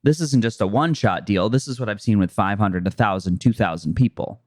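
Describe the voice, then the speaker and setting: A man hosting a podcast, talking in a relaxed, chatty way with lots of fillers. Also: fairly low pitch, brisk, no echo, clean studio sound. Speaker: podcast host. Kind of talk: casual interview chat.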